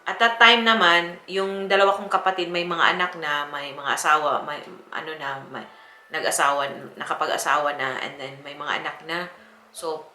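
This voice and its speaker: A woman's voice: deep voice, fairly even intonation, moderate pace, bright, forceful tone, slight background noise. A young woman from the Philippines, telling a personal story to her viewers in a chatty way with frequent laughs. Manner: chatty, laughing often, with many fillers. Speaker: vlogger. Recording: echoey room.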